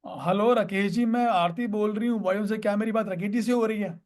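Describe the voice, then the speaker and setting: A man mimicking a female telemarketer, rattling off a rushed scripted sales opener. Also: high-pitched, fairly even intonation, darkish tone, lightly acted. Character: brisk female telemarketer making a cold call.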